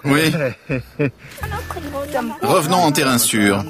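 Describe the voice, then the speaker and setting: Wry, higher-voiced squeamish travelling chef. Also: male voice, animated, slow, over music.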